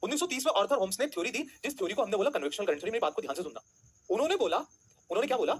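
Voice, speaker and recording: Guy teacher, fast and bouncy, slightly husky voice, keeps asking the class stuff then answers it. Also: high-pitched, sing-song. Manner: asks students questions then answers them himself; calls students beta, jokingly threatens them. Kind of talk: online class lecture.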